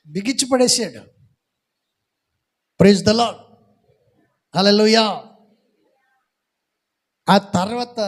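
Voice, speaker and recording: A pastor preaching a sermon, animated, acting out the people he quotes and raising his voice to a shout. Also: very high voice. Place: church hall.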